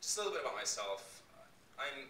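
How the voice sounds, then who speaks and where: A man's voice: medium pitch, very animated, a little fast, pushed and bright, distant mic, slight background noise. Earnest man speaking in an echoey hall. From United States. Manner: earnest, emphatic, speechmaking. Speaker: audience member addressing a conference speaker. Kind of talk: impassioned public remarks at a conference. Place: conference hall.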